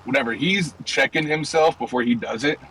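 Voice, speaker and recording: A man's voice: medium pitch, a little fast, bright, forceful tone, a little hiss or hum, rough recording. A young man streaming and chatting loosely from his car, rambling through stories with plenty of swearing. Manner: loose, profane, rambling storytelling. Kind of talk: casual chat while gaming and driving.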